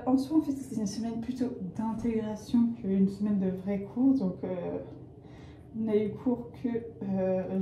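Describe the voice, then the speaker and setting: A young woman from the Paris area talks through her student week in a casual, meandering vlog style, full of hesitations and fillers. Her voice is very dark and mellow. The sound carries the echo of the room she records in. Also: mid-range voice, slight background noise. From Paris area, France. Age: young adult. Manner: chatty, rambling, hesitant with frequent fillers. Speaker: student vlogger.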